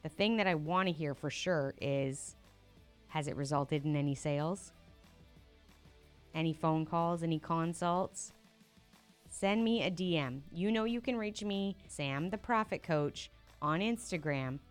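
A woman speaking alone on her podcast, coaching her listeners. Her voice is clear and smooth and sits a little low for a woman. She talks in a direct, encouraging way and keeps tossing out rhetorical questions. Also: unhurried, faint music behind. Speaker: podcast host and profit coach. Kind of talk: solo podcast coaching talk.

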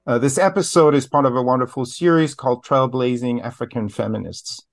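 A man hosting a podcast interview, introducing his guest formally and pausing often on filler sounds. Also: mid-range voice, gravelly.

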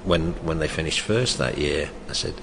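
With a rumbling, low, loud voice at a moderate pace, an older man who used to coach soccer reflects on the past in an oral history interview. His talk is hesitant, full of restarts and chuckles. The sound has long reverb with faint noise behind it.

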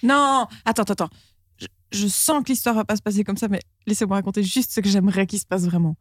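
Fast, husky, excitable woman. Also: mid-range voice, no echo, studio quality. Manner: excitable, teasing, interrupting. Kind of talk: casual chat.

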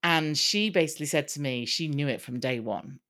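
A man talking as a podcast guest, telling personal stories in a candid, conversational way with quick bursts and frequent restarts. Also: on the high side, pushed and bright.

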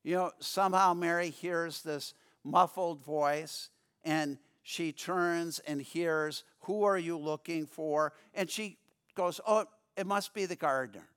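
A pastor preaches a sermon earnestly and slowly, his delivery smooth yet often stumbling over and repeating words. When he reads scripture, his voice drops lower and quieter.

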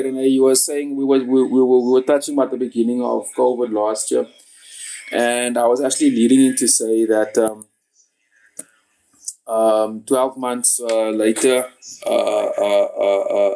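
A man hosting a podcast interview, talking in a halting, rambling way through an online call app that puts an echo on his voice. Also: mid-range voice, dark tone. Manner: halting, rambling, many restarts. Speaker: podcast host. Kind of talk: casual interview chat.

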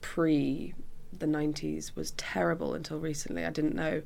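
Young british woman, really croaky fry in her voice, informal chatty interview answers. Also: low voice, flat delivery, moderate pace, darkish tone. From Cumbria, England. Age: young adult. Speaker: musician guest. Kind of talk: casual interview chat.

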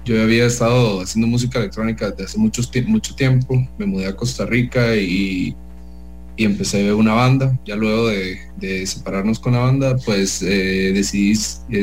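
A man, a DJ guest in a casual radio interview, talking hesitantly with many pauses and restarts. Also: fairly low pitch, low-quality recording. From El Salvador.

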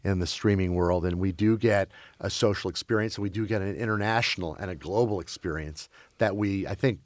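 A man with a lowish voice, chatting loosely about film and streaming. He grew up in Belgium, and he restarts his sentences and hunts for words as he goes. The sound is dry and close. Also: dry recording. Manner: halting, many restarts and fillers.

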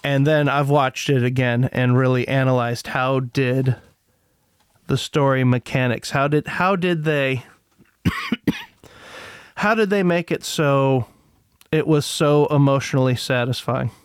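Slow-talking, profane podcast host man. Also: medium pitch, expressive, smooth, no room sound, clean studio sound. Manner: profane, rambling, opinionated. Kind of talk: casual monologue.

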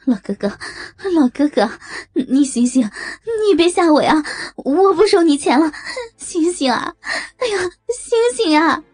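A woman's voice: sits high, slow pace, pauses often, mellow, no room sound, faint music behind, pitched above the performer's own voice. A woman voicing a panicked middle-aged woman who sobs and stammers as she pleads. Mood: panicked crying. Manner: sobbing, stammering pleas.

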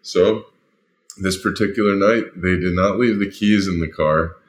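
A former football lineman speaks in a low voice, a little slowly, as he casually tells a story. He rambles, peppering the anecdote with "like" and "you know."

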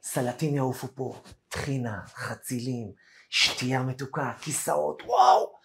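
A rabbi telling a classroom story in a Torah lesson, acting out the voices of the people in it. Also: male voice, a little high, vocal fry. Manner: animated storyteller acting out quoted dialogue.

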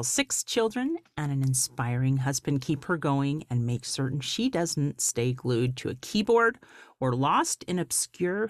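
A woman hosting an interview podcast, with a low, soothing voice, presenting and asking questions. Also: no room sound, clean studio sound. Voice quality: low, soothing, beautiful speaking voice. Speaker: podcast host. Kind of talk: scripted show introduction and interview.

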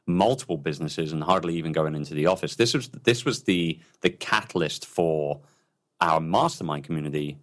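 A man's voice: deep voice, a bit bright. A man being interviewed about his businesses, speaking with enthusiasm and rambling through many restarts. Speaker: entrepreneur guest. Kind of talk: casual interview talk.

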